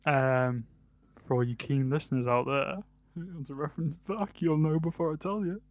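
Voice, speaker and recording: Podcast co-host: British man, early 20s, th-fronting to f, halting casual delivery, dry recording. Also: fairly high pitch, fairly even intonation, no echo. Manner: th-fronting, says th as f; hesitant, self-correcting. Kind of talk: casual album review chat.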